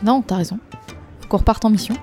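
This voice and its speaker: A woman playing her character in a tabletop game, with playful, deadpan banter. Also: medium pitch, fast, faint music behind. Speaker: player. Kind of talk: in-character tabletop role-play.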